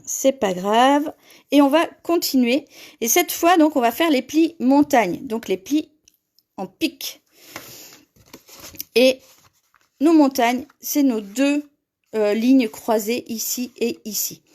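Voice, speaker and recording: A woman with a high-pitched, darkish voice hosts a live paper-craft tutorial. She chats with viewers and laughs often as she reads their comments.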